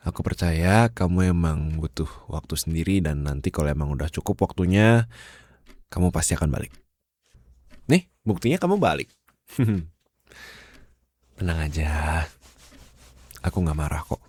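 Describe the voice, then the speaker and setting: A young man speaking softly and intimately in a whispered role-play as a boyfriend, laughing often, close to the mic. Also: rumbling low, dry recording. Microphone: close condenser mic.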